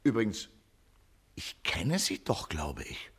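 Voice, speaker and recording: An actor playing an excitable, suspicious radio station director in a vintage radio play, jumpy and quick to outrage. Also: male voice, low voice, husky, full character voice. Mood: agitated, indignant.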